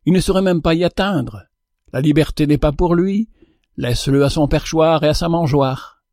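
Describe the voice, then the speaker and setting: A man reading a storybook, voicing a kind mother speaking calmly to her child. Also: on the high side, normal speed, no echo, clean studio sound, lightly acted. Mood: gentle.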